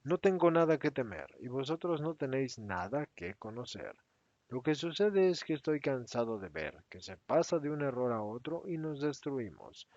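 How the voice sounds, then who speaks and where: A man's voice: mid-range voice, big pitch swings, normal speed, darkish tone, dry recording. A man voicing Judas, a resentful and defensive adult apostle who protests in a raised, agitated voice. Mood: indignant. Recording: dry, slightly dull recording.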